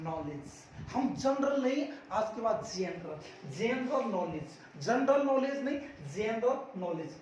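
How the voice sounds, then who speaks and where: This pronunciation lesson comes from a man with a very high voice and a darkish tone. He repeats each word with emphasis and asks the viewer before answering himself, captured by a far-off mic in an echoey room with a little background noise.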